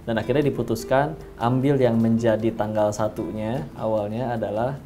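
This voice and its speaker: Man hosting a calm faith talk. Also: medium pitch, moderate pace, over music. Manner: responds often with warm affirmations and explains calmly. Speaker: host. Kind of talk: conversational religious talk.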